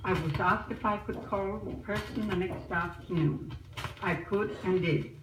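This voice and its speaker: A woman's voice: mid-range voice, measured pace, roomy sound, distant mic. Woman on a noisy old disc recording. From Australia. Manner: chatty, newsy storytelling. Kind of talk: spoken letter to family back home.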